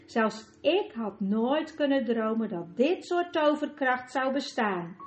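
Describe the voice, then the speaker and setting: A woman reading an audiobook and voicing a greedy, excitable sixty-year-old man who gushes and schemes. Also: high voice, slow pace, faint music behind. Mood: gleeful greedy. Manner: gushing, scheming, rubs hands with glee. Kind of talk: audiobook character voice.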